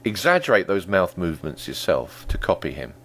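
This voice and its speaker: A man explaining voice impression technique in a calm, conversational tutorial. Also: sits low, brisk. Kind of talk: instructional tutorial.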